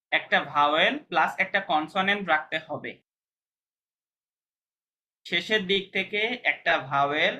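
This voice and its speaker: A man's voice: high voice, pushed and bright, slight background noise. A man teaching a language class, patiently explaining pronunciation step by step and checking whether students understand.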